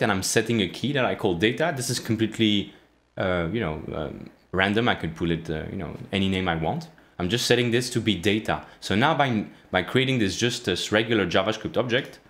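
Here's a casual coding tutorial from a man in his thirties with a low voice. Recorded close in a small, plain-walled room, he stumbles along with many fillers and restarts in a laid-back screen-share style.

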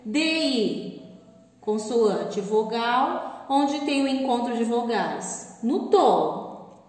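Woman, teacher, slow careful syllable-by-syllable delivery, bit high voice, distant echoey room. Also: lively intonation, a little mellow. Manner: slow, patient, spells out syllables. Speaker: school teacher. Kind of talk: recorded classroom lesson for pupils. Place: classroom with a board. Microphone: camera at a distance. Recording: echoey room, far from the mic.

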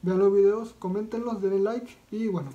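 A man's voice: high-pitched, steady tone, normal speed, muffled recording. Slangy Mexican man reacting casually. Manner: slangy and profane, with frequent fillers and restarts. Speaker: YouTube reaction vlogger.

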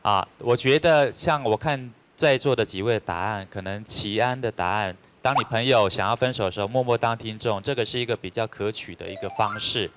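A man, an expert guest calmly explaining advice on a talk show. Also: on the low side, a little fast, hardly any pauses, slight background noise. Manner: calm, explanatory. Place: TV studio. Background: music.

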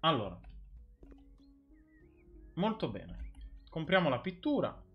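A man's voice: fairly high pitch, huge pitch swings, slow, lo-fi sound, faint music behind. Chatty male game streamer. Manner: chatty and joking, talks to viewers. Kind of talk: casual live gameplay commentary.

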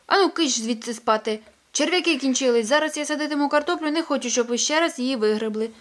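A woman's voice: sits high, quick pace, voice pushed up, lightly acted. A woman voicing a kindly old farmer in a children's storybook, talking in a fussy, coaxing, grandfatherly way. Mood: shooing. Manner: fussy, coaxing, scolding at times.

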